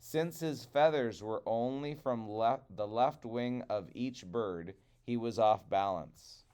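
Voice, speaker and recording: Male storyteller for trickster tale: unhurried, resonant, deliberate dramatic phrasing. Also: mid-range voice, a little mellow, clear, resonant tone.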